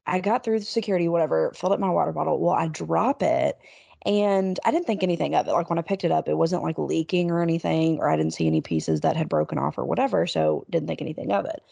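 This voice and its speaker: A woman's voice: deep voice, fast, creaky, dark tone, no room sound. A young woman co-hosting a podcast, telling a story in a chatty, self-deprecating way with lots of "like". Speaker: podcast co-host. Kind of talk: casual chat, storytelling.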